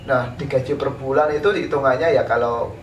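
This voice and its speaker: A man from East Java, an interviewed painter, tells his life story in a casual, unhurried way with many fillers. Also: mid-range voice, fairly even intonation. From East Java, Indonesia. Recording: roomy, from a distance, faint background noise.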